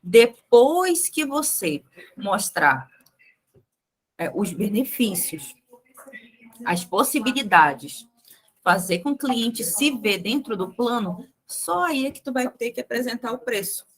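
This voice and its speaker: A woman's voice: a little high, animated, a little slow, a bit bright. A young adult woman leading a live sales training, chatty and speaking straight to the group with frequent tag questions.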